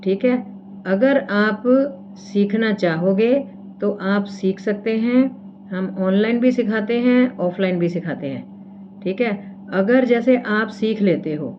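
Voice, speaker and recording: A woman's voice: mid-range voice, muffled recording, slight background noise. A woman teaching acupressure and explaining each step while she demonstrates, checking in often with her viewers. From India. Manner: explains step by step, repeats "theek hai" often. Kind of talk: casual demonstration lesson.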